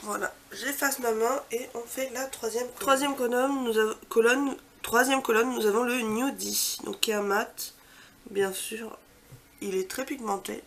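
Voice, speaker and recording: A woman vlogger chatting casually through a makeup swatch walkthrough. She gushes with repeated superlatives and trails off into soft, quiet asides. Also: a little high, fairly even intonation, measured pace, slight background noise. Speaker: beauty vlogger.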